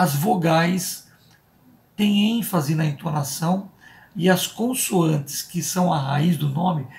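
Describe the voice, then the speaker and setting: Brazilian pastor guy doing bible class at church, slow and gravelly, keeps asking né? tá?. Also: on the high side, darkish tone. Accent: Brazilian Portuguese. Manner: explanatory, with frequent "né?" and "tá?" checks; slow, deliberate, spells out letters. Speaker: pastor teaching Bible school. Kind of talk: Bible study lesson.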